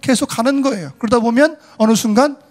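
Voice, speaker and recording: A man with a high-pitched voice preaches with lively, animated delivery, acting out quotes along the way. Faint music is heard underneath. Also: fairly quick. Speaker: pastor. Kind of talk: sermon.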